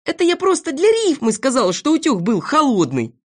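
A woman voicing a cheeky, boastful little boy shorty who chatters excitedly, reading a storybook. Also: high voice, normal speed, pitched above the performer's own voice.

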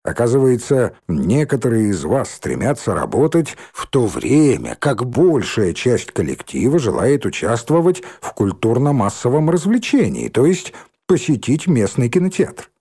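A man voicing a menacing teenage bully boy who speaks with oily mock-politeness and drawn-out words. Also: mid-range voice, very animated, mellow, breathy edge.

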